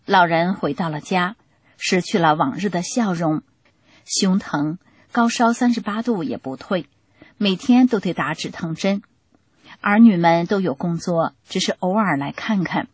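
A woman reading a testimony aloud in a steady, plain storytelling way. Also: lowish voice, a little slow, breathy edge, no room sound.

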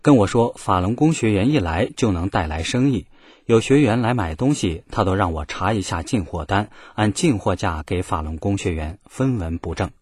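A man reading a submitted first-person letter in a plain, measured way. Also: on the low side, animated, a little mellow, slightly rough, no echo. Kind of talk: scripted first-person narration.

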